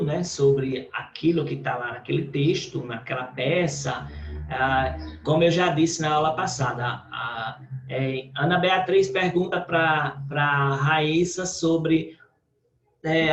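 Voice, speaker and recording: Brazilian male teacher, unhurried and slightly high voice, lecturing from a distance in an echoey room, dull audio. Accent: Brazilian Portuguese. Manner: explains step by step, checks in with "certo?". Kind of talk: online class lecture.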